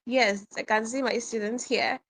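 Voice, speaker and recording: A woman leads an online workshop on English communication, speaking at a normal pace in a slightly high voice. She is animated and repeats her points for emphasis.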